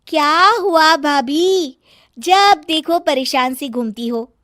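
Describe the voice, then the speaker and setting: A woman's voice: high voice, slow, fairly bright tone, no echo, studio quality, pitched above the performer's own voice. A woman voicing a clever, cheeky young daughter in a cartoon, breezy and teasing.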